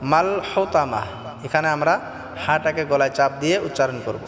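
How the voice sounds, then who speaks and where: A man teaching Quran recitation, chanting each verse slowly and melodically, then explaining it in quick plain speech. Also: a little high, steady tone, a bit bright. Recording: heavy long reverb with faint music.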